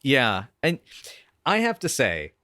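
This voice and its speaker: A man's voice: medium pitch, wildly swooping pitch, slow pace, sharp tone, dry recording, clean studio sound. A man co-hosting a podcast in casual chat, making wry, playful quips. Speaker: podcast co-host.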